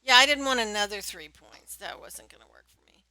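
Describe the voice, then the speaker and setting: A woman playing in a tabletop game, chatting casually with quick laughs. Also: medium pitch, animated, sharp tone. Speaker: player.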